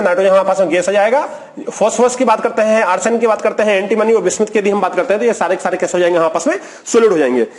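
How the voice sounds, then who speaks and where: High-voiced man giving a chemistry lecture. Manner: repetitive question-and-answer explaining, mixing English terms; asks the class a question, then answers it himself. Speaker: chemistry teacher. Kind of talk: recorded video lecture.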